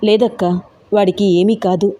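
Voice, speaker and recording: A woman's voice: mid-range voice, steady tone, unhurried, warm tone, lightly acted. A woman voicing a frightened but resolute young woman who explains herself earnestly in a storybook tale.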